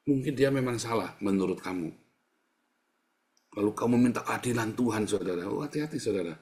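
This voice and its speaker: A male pastor preaching in a colloquial, teasing manner, jumping between loud bursts and hushed asides. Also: fairly low pitch, animated, fairly quick. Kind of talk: sermon.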